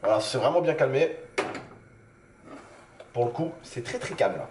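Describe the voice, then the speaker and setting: This cooking video host speaks in an animated, mid-range voice with a darkish tone and a moderate pace. He jokes and chats directly to the audience during a casual demo in his home kitchen, where the room is roomy and a frying pan sizzles in the background.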